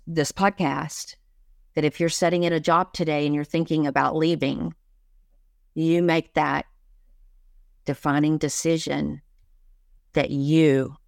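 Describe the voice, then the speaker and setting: A woman's voice: low-pitched, creaky, no echo, clean studio sound. A middle-aged woman, a business coach interviewed as a guest, speaking earnestly and emphatically and often repeating her key phrases. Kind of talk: motivational interview talk.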